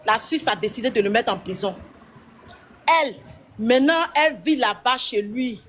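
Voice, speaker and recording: A woman's voice: fairly high pitch, expressive, moderate pace, fairly bright tone. A woman in an emotional live stream rant, agitated, talking over others and repeating herself.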